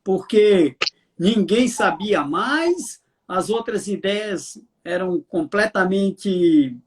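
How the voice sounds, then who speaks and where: A high-voiced Brazilian man explains leadership in an interview. He tells stories with energy, acting out little dialogues and laughing as he goes. A faint hiss sits under his voice. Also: drawn-out words. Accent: Brazilian Portuguese. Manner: lively storytelling, acts out dialogue, laughs. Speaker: leadership trainer, army colonel. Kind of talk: interview answers.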